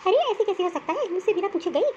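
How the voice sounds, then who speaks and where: Cartoon mother-in-law, older and bossy, shrill and commanding, a woman voicing her, faint hiss behind. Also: expressive, fast, darkish tone, dull audio. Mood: scolding. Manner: scolding, commanding. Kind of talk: cartoon story voice acting.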